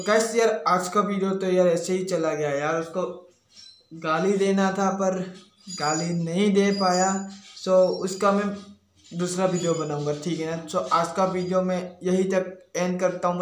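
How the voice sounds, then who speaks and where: A young video creator with a fairly high voice, recorded in a roomy, echoey space. He rambles excitably and often crudely, cursing and saying "yaar" again and again. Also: measured pace. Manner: rambling, excitable, swears, says "yaar" constantly. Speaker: YouTube creator. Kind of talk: comic roast video. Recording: echoey room.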